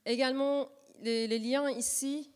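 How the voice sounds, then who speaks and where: A woman with a Turkish accent, a native Turkish speaker, presenting an improvised live software demonstration and hesitantly searching for words. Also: sits high, fairly even intonation, measured pace. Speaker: workshop presenter. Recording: echoey hall with long reverb.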